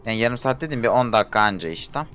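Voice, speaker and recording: A man giving frustrated commentary while playing a game, groaning, pleading and shouting at it. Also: medium pitch, expressive, quick pace, highs cut off, soft background music. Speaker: gameplay streamer.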